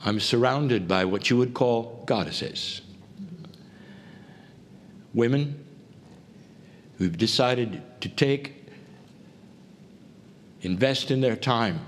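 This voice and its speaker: A man giving a spiritual channeled talk to a group, speaking in deliberate, solemn phrases with pauses. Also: fairly low pitch. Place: live before a group. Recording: faint background noise.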